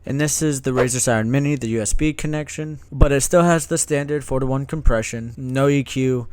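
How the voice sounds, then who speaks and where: A man giving a relaxed, step-by-step review of a streaming microphone at his desk, speaking about three inches from a dynamic mic. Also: medium pitch, brisk, smooth, no echo, studio quality. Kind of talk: casual product review. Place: desk streaming setup, indoors. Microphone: studio dynamic mic about three inches away.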